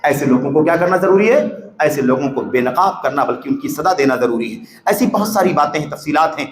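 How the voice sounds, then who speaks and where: A man preaching a sermon in a mosque, emphatic, with rhetorical questions and loud exclamations. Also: fairly high pitch, lively intonation, slight background noise. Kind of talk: Urdu sermon lecture. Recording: echoey hall with faint ambience.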